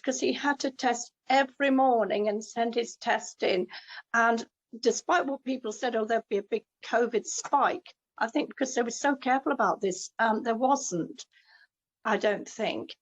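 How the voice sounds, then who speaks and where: A middle-aged woman giving a casual, anecdotal testimonial as a host, chatty and digressive. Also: a little high. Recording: muffled lo-fi call audio.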